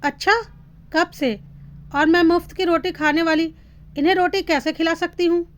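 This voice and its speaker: A woman doing a coldly calm daughter-in-law. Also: very high-pitched, moderate pace. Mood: cold, mocking. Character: bitter young daughter-in-law, calm and cutting.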